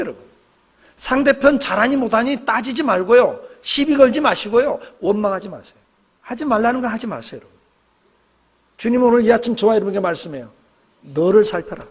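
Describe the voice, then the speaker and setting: Husky high-voiced male preacher. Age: middle-aged. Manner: emphatic, exhorting, calls on the congregation to respond. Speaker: pastor. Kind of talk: sermon. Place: church sanctuary.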